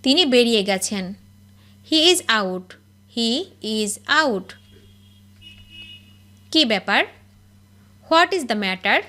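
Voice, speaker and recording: A woman teaching spoken English, reading each phrase and then repeating the English slowly and clearly. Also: fairly high pitch, lively intonation, pushed and bright. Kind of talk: slow phrase-by-phrase language drill.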